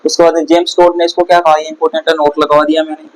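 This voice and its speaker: A man leads a classroom, asking his students questions and then repeating them. His voice sits a little higher than most men's. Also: flat delivery, fast talker, poor audio. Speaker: teacher. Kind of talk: classroom lecture.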